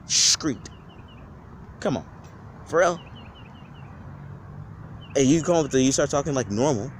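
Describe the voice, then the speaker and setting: Dude ranting off the cuff, lots of slang and swearing, voice swings up and down, faint traffic hum behind. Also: male voice, medium pitch, lively intonation, takes it slowly. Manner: slangy, profane, rambling with many restarts. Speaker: vlogger. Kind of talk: informal off-the-cuff rant.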